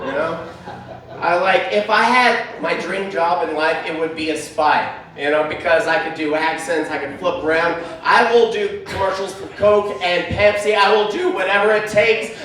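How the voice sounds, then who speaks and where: Rambling high-voiced male stand-up comic. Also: normal speed, fairly bright tone, a little hiss or hum. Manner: rambling, self-deprecating, full of fillers. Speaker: stand-up comedian. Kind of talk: stand-up comedy set. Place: brewery stage. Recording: echoey room heard from far off.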